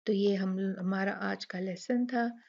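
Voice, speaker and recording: A woman teaches recitation rules at an unhurried pace, patient and methodical. She often repeats a word slowly and asks rhetorical questions. The recording sounds a little dull and lo-fi. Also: mid-range voice, steady tone, gravelly, a little mellow. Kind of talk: slow explanatory lesson with recited examples.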